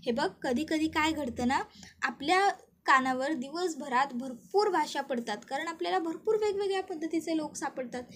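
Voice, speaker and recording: A woman doing a calm, soothing cop husband. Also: high-pitched, normal speed, close to an everyday voice. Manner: soothing, reassuring. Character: calm male police officer, soothing husband. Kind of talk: retelling TV serial dialogue.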